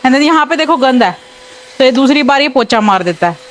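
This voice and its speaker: Young mom vlogging chores, pretty high voice, chatty, phone cam at home w faint household hum. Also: female voice, expressive, fairly quick. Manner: chatty, mixes English into Hindi, talks to her child between lines. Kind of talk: casual home vlog chat. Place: home, indoors, while cleaning floors.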